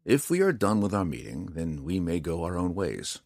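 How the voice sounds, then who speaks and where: A man voicing a guarded, weary male dark elf who speaks flatly and tersely. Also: low voice, normal speed, no room sound, clean studio sound, heavily acted. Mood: dry. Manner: flat, terse.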